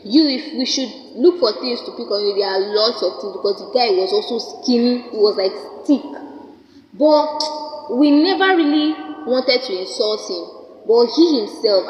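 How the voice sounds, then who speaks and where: A woman's voice: a little high, a little hiss or hum. A woman in her twenties telling a personal story in a vlog, speaking earnestly and often repeating words as she thinks. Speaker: vlogger. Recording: roomy, reverberant, slightly dull sound.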